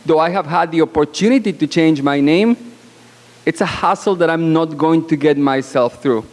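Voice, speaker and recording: A woman born outside Canada speaks as a conference panelist into a podium microphone in a banquet hall. Her voice is loud and low, and her delivery is frank, assertive, and deliberate, broken by pauses. The long reverb of the hall carries through the recording.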